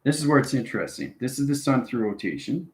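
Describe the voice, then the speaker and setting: An online spiritual teacher gives viewers an informal explanatory demonstration, speaking in fragmented phrases full of esoteric jargon and often checking in with "okay" and "right." His medium-pitched voice is sing-song, fast and darkish, and the recording sounds roomy and echoing.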